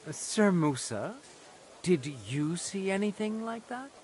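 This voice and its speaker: A man's voice: sits high, expressive, measured pace, darkish tone, slight background noise. An actor playing a stern, scornful nobleman who presides over a trial in a video game dialogue. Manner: commanding, scornful. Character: stern haughty nobleman judging a camp murder.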